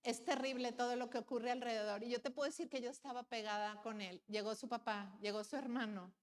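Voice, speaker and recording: A woman addresses a conference crowd in an earnest, plain storytelling voice, pitched a little high. Her words carry a long reverb from the large hall. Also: steady tone, a little fast. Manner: earnest, plain storytelling with direct questions to the audience. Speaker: conference speaker. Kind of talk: personal testimony talk.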